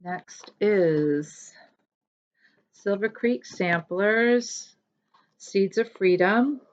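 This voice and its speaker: Slow-talking, chatty woman vlogger. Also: mid-range voice, dull audio. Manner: chatty, rambling, self-correcting. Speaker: cross-stitch vlogger. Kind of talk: casual show-and-tell chat.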